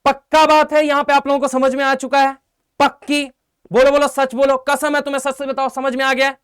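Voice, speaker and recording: High-voiced energetic male chemistry teacher. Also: fairly quick, dry recording, studio quality. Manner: energetic call-and-response questioning; coaxing, calls students "beta" and "bhai". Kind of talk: online exam-prep lecture.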